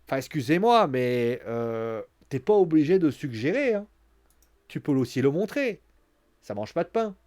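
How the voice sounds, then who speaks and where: Young male reviewer, casual wrestling commentary, slightly high voice, very animated delivery. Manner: animated, acts out scenes with quick exclamations.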